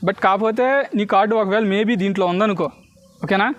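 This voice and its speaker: A man with a Telugu accent doing loud, bantering street magic patter for spectators, dropping in English words. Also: high voice, level tone, brisk. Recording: clearly noisy on-location recording.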